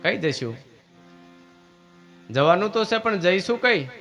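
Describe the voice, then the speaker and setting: A man's voice: sits high, animated, slow, a bit bright. A man giving a village sermon, asking his listeners questions and teaching. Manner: preachy, asks listeners questions. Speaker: religious teacher. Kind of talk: village sermon with devotional singing.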